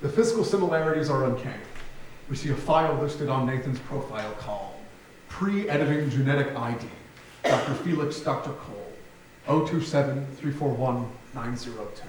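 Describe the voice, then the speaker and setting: At moderate pace and medium pitch, a man narrates the scripted stage directions for a staged theatre reading. The theatre is very echoey, the mic sits far away, and there's faint noise.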